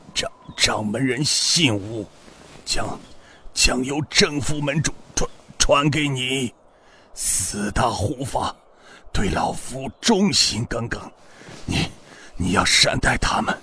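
A man's voice: mid-range voice, crowd noise. Man playing a dying old sect master, gasping. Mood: faltering. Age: older. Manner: halting, stammering between breaths. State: weak and fading.

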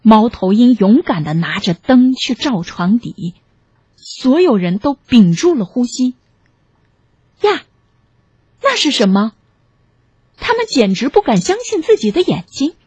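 Animated woman reading a children's story. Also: fairly high pitch, moderate pace, slightly rough, dry recording. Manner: animated, gentle.

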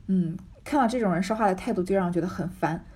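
A woman's voice: on the low side, fast talker, dark tone, husky. A woman reading a classic novel aloud and explaining it in a conversational way, thinking aloud with fillers. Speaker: literature explainer.

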